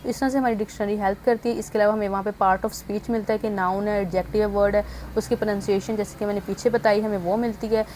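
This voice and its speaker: A woman teacher walking students through an English textbook exercise, mixing English terms into her speech and sounding out words slowly. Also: mid-range voice, fairly even intonation, darkish tone, a little hiss or hum. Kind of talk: explaining a textbook exercise in an online lesson.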